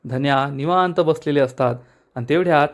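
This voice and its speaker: Brisk man narrating a serial recap. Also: a little high. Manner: brisk storytelling, addresses viewers as friends.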